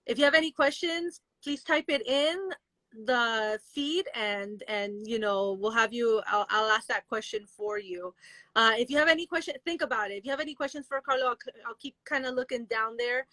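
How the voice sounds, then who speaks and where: A woman's voice: on the high side, moderate pace, sharp tone, no room sound, rough recording. A woman hosting a casual live interview, chatting and reading out viewers' questions. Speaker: interview host.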